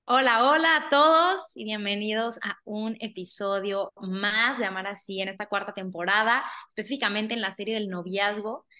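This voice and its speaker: A woman with a Mexican accent hosting a podcast, talking informally and haltingly, with repeated words and tag questions. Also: medium pitch, bright, forceful tone. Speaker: podcast host. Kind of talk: casual conversational podcast introduction.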